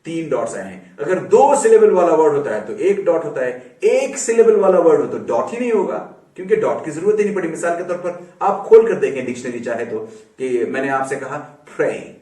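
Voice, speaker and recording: A man giving an explanatory pronunciation lesson, mixing English terms into Hindi and repeating example words slowly. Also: on the high side, big pitch swings, dark tone. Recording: roomy echo, voice a bit far from mic.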